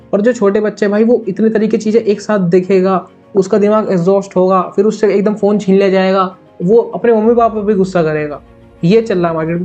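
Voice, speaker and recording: A man's voice: sits high, a little mellow, dull audio. A young man hosting his own video channel, giving his opinion in a casual, earnest and chatty way, and often calling his listeners "brother". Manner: earnest, chatty, constantly says "bhai". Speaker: YouTube reaction host.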